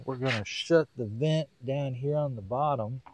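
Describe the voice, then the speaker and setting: A man's voice: medium pitch, moderate pace, noisy background. A man giving casual step-by-step grilling tips outdoors at a backyard grill, in an easygoing, chatty way. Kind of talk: casual how-to cooking vlog.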